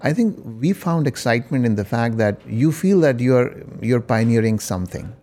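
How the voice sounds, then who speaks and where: A man's voice: medium pitch, animated, moderate pace, warm tone. A middle-aged man with a Pakistani accent reminisces casually as an interview guest, code-switching and often checking that the listener follows. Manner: conversational, often seeking agreement with "right?". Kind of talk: casual reminiscing, mixing English and Urdu.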